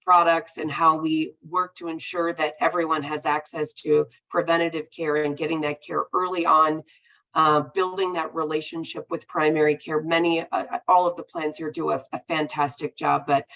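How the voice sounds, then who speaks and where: Woman, health plan rep, low steady voice, earnest. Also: moderate pace, low-quality recording. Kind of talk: panel remarks.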